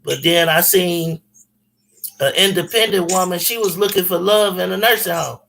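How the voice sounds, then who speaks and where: A man's voice: high voice, moderate pace, creaky, a bit bright, a little hiss or hum, low-quality recording. A man in his forties telling stories over the phone in a rambling, emphatic way, with slangy, profane talk and many restarts. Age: 40s. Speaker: caller on a phone conversation. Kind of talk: casual chat, storytelling.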